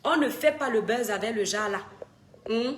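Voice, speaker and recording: A woman hosting a casual live stream, greeting viewers, laughing often and scolding them in an animated way. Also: fairly high pitch, normal speed. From Cameroon. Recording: echoey room with faint background noise.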